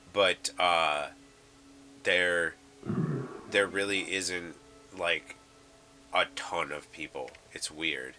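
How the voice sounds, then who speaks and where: A man narrating a tabletop game as game master, halting and full of fillers as he describes the scene. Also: sits low, sharp tone. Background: faint background music.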